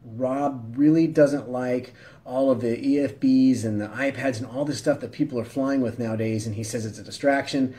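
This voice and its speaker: Man, 40s, husky voice, deadpan satirical vlogger, mid pitch, straight-faced delivery. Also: normal speed, low-quality recording. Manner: deadpan mock-earnest. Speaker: vlogger pilot. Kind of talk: satirical vlog. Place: home room, then small plane cockpit, then outdoors.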